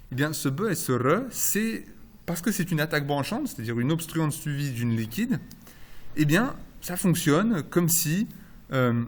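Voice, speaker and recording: French-speaking male lecturer explaining slowly. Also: on the high side. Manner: explanatory, slows down to spell out examples; hesitant fillers and restarts. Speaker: phonology lecturer. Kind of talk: recorded university lecture.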